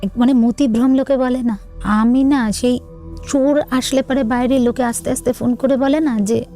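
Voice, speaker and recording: A woman, telling her own true ghost story in an earnest, halting, hushed way. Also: fairly high pitch, fairly even intonation, faint music behind.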